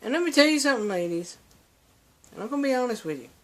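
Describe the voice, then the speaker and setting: A young man with a high voice rants at length in a preachy monologue. He stumbles through restarts and fillers as he lectures his listeners. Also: expressive, quick pace. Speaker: vlogger. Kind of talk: opinion monologue to camera.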